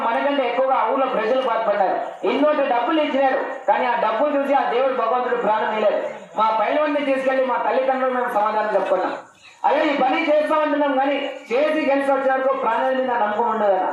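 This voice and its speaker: Guy doing loud street show patter, talks really fast, pleading, muffled and echoey from far off. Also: very high-pitched. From Andhra Pradesh, India, near Karnataka border. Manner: pleading, repetitive, addresses listeners respectfully as sir. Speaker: street circus performer. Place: live street show, picked up from a distance. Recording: echoey, distant, muffled live pickup.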